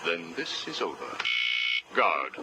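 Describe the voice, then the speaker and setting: A man's voice: deep voice, sing-song, slow pace, vocal fry, heavily acted. An actor playing a cold, manipulative male interrogator who asks clinical, probing questions, heard as a cassette tape recording. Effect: played back from a cassette tape recording. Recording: hissy cassette tape playback.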